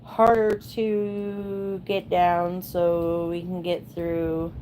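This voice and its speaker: Slow-talking blunt woman livestreamer. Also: on the low side, little pitch movement, dark tone, slight background noise, low-quality recording. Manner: blunt, exasperated, sarcastic. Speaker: livestream host. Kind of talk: ranting livestream chat.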